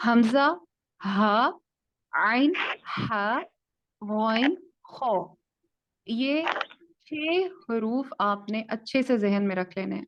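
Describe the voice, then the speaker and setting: A woman teaching a basic tajweed lesson in Urdu, explaining step by step and slowly modelling each sound. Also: on the high side. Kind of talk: online lesson. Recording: dull lo-fi audio.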